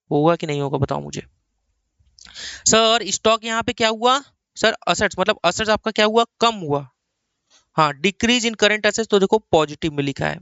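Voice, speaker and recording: Male lecturer, from india, high voice, smooth tone, dry close mic, slightly dull sound. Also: a bit bright, dry recording. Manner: coaxing, repeats points to students. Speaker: accounting lecturer. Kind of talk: classroom lecture.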